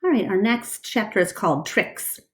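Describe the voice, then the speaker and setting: A woman with a medium-pitched voice reads a children's book aloud, telling the story expressively and deliberately.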